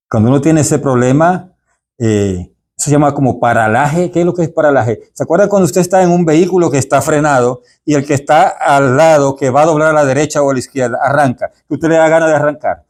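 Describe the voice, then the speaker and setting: Caribbean deacon teaching, mellow voice. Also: male voice. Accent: Caribbean Spanish. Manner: chatty, asks the audience "¿de acuerdo?"; acts out examples with sudden pitch jumps. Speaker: deacon teaching a workshop for lectors. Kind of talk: informal teaching talk.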